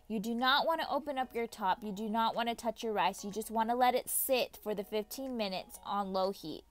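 A woman narrating a step-by-step cooking tutorial as the channel host, giving friendly, repetitive instructions straight to the viewer. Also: a little high. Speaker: home cook and channel host.

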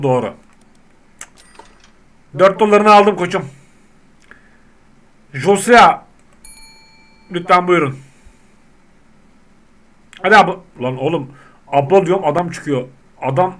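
A man with a high voice talks through a game in casual commentary. He reads the on-screen text aloud and keeps yelling and swearing at the characters when they misbehave. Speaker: gaming YouTuber.

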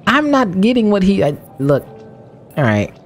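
A man's voice: high voice, wildly swooping pitch, normal speed. A young man giving casual, slangy game reaction commentary, incredulous and muttering asides. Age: young adult. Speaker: gaming YouTuber. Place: small room at home. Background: faint game music.

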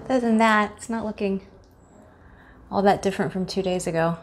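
Fairly quick and medium-pitched, a young woman narrates a chatty, relaxed tour of her renovating townhouse as she walks. She's a homeowner vlogger recording indoors on her handheld phone, construction noise audible behind her.

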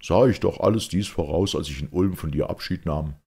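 A seasoned field commander speaking with calm, reassuring authority, his voice deep and gravelly yet lifted slightly above the narration. A man plays him while reading aloud. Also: brisk, heavily acted. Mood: fatherly. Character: veteran male commander, warm and fatherly.

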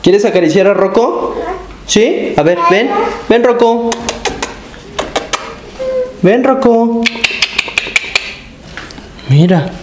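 A young Mexican man gently coaxing his toddler in sing-song baby talk while he shows her his animals. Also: high-pitched, expressive, extremely slow, long pauses. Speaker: exotic animal keeper and channel host. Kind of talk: casual vlog narration. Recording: echoey room with loud background noise.

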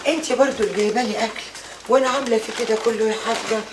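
A woman's voice: fairly high pitch, very fast, background noise, close to an everyday voice. An actress with an Egyptian accent playing a worried middle-aged mother who comforts her daughter in a TV drama. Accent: Egyptian Arabic. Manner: anxious, comforting. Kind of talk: TV drama acting. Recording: music score underneath.

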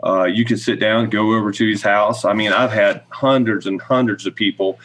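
A man's voice: on the low side, steady tone, moderate pace, fairly bright tone, low-quality recording. A middle-aged man giving casual, plain-spoken explanations as an interview guest on a podcast. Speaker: podcast guest, goose call maker. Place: small indoor room with wooden shelves, on video call.

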